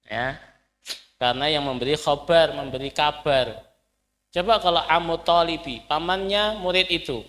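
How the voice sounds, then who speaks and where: A fairly high, slightly bright male voice at a moderate pace leads an Arabic classroom lesson; the teacher is from Indonesia. He explains patiently and quizzes the students, and the lecture-hall recording has long reverb.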